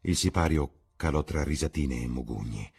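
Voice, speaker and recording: A man narrating a classic novel as an audiobook in a measured, theatrical way. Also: extremely low pitch, expressive, vocal fry, darkish tone, husky. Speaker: audiobook reader. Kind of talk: scripted literary narration.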